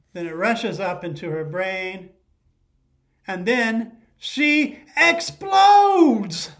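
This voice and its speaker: A middle-aged male teacher sits in the living room at home, giving an expressive reading of a children's picture book. He pauses to quiz his listeners, and his high-pitched voice has a slightly bright quality.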